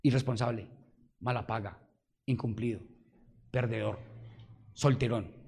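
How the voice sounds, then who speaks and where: A man preaching a sermon, talking straight to the congregation with rhetorical questions and swinging between loud exclamations and low murmurs. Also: a little slow, creaky, husky.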